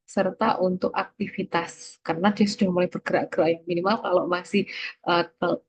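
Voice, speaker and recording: A woman's voice: lowish voice, steady tone, fairly quick, breathy edge, low-quality recording. A woman giving a recorded lecture, explaining step by step and checking in with her listeners.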